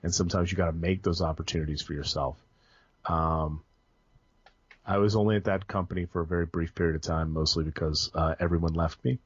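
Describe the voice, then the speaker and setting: A man's voice: deep voice, fairly even intonation, a little fast, slightly rough, no room sound. A young man, a guest on a podcast, talking casually about his IT work, rambling with lots of ums and restarts. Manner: rambling, frequent ums and self-corrections. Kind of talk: casual conversational interview. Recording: dull lo-fi dry podcast audio.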